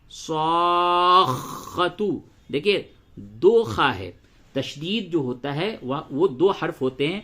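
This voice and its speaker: A man teaching Quran reading and tajweed, explaining letter sounds and drawing verses out slowly as he recites them. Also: fairly high pitch, a bit bright. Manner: slow drawn-out recitation of verses between brisk explanations; addresses listeners as brother, repeats sounds for drilling.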